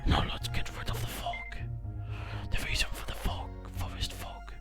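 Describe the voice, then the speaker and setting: A man voicing an ancient, wise male tree spirit in a deep, gravelly whisper, slow and solemn. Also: close to an everyday voice. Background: game music.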